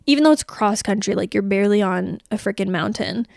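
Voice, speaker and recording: A woman's voice: medium pitch, fairly quick, vocal fry, darkish tone, no room sound, clean studio sound. A young woman hosting a podcast, talking in a chatty, rambling way full of "like" fillers. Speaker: podcast host. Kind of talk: casual chat.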